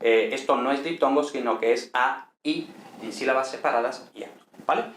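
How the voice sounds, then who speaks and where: A man, explaining a language lesson at an unhurried pace, with many checking questions and fillers. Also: medium pitch, fairly bright tone. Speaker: teacher. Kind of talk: explaining ancient Greek lesson. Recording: echoey room with faint noise.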